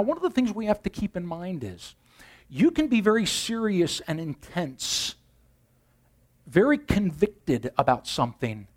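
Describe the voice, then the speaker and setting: Conversational pastor with a lively voice. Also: male voice, a little high. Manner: conversational, shifts between loud emphasis and quiet intensity. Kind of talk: sermon.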